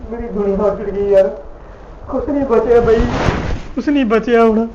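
A man's voice: high voice, normal speed, background noise, lightly acted. Young man playing a caring worried fiancé. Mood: distraught. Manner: soothing, protective. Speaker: groom-to-be. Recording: dull sound under loud music.

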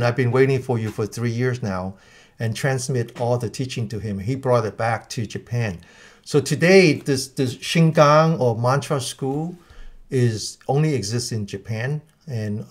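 Male guest teacher, mid-pitched, halting delivery full of restarts. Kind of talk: live Q&A explanation.

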